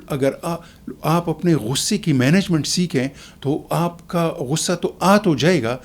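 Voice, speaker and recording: A man, a guest on a talk program, explaining calmly in a measured, lecturing way with everyday examples. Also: mid-range voice. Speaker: expert guest. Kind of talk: explanatory talk show answer.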